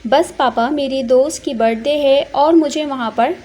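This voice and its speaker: Woman playing a spoiled, shrill young heiress. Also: normal speed, natural voice. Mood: pleading. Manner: loud, whiny and demanding. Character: spoiled, hot-tempered rich young woman.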